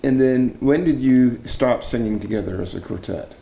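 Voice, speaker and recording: Male interviewer, mid-pitched and warm, casual, encouraging the guest along. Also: normal speed, gravelly. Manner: friendly, prompting with short "wow" and "right".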